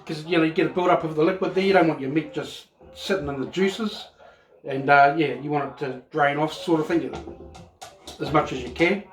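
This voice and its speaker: A man's voice: on the high side, a little fast, music in the background. A middle-aged man with a Maori New Zealand accent, giving a casual cooking demonstration in a laid-back, rambling, colloquial way. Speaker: home cook presenting a cooking video. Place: home kitchen, indoors. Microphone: phone camera across the counter. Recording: echoey kitchen, camera at a distance.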